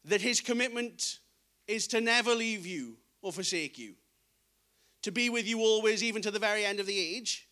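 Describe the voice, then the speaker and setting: A man's voice: high voice, moderate pace, bright, forceful tone. A man preaching a sermon in an earnest, conversational way, acting out scripture dialogue as he goes.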